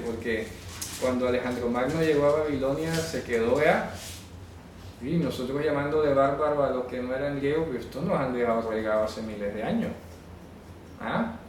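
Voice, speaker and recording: Leading a Bible class, this mid-range male voice explains words one step at a time, checking comprehension with "¿ya?" and pressing hard on correct pronunciation. The room echoes, he's distant from the microphone, and there's slight background noise.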